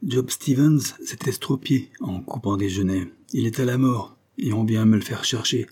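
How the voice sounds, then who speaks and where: A man's voice: mid-range voice, moderate pace, a little mellow, breathy edge, close to an everyday voice. A man voicing a stern, thundering country vicar who gives harsh orders. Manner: harsh, commanding.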